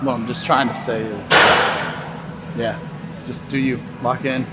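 In a very noisy large gym with loud music, a fitness vlogger in his twenties talks with a medium-pitched, steady voice at a measured pace. He's laid-back and rambling, laughing often during this casual walk-and-talk, filmed by a phone camera on a nearby tripod.

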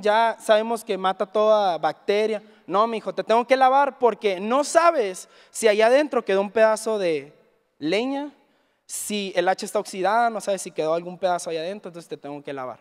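Man, Mexican Spanish accent, preacher, high-pitched, animated storytelling, reverberant hall. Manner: animated storyteller, acts out quoted dialogue. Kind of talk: sermon with storytelling. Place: church hall.

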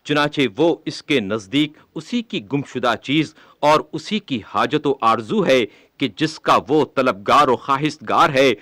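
A man reading a religious book aloud in a measured, solemn way. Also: medium pitch, sharp tone, no room sound. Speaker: reader of a religious text.

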